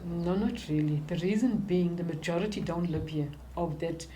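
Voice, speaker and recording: An older woman with a South African accent, speaking in a halting, reflective way as she recounts her life and work in an interview. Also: fairly low pitch, warm tone, slight background noise.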